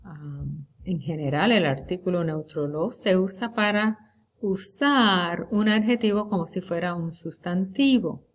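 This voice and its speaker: A woman teaching Spanish at an unhurried, careful pace, with a somewhat low voice. She stretches out her example words so her students can follow each one. It sounds like a recorded review lecture. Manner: slow and deliberate, drawing out example words.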